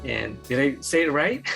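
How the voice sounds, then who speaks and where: A man's voice: medium pitch, very animated, measured pace, gravelly, loud music behind the voice, rough recording. A man hosting a casual interview, friendly, laughing often and repeating himself as he talks. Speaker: interview host.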